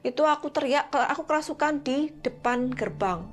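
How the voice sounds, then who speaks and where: A young woman giving a casual, halting testimony about being possessed at a camp, often repeating herself as she recalls. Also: high-pitched. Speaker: interviewee recounting a camp possession.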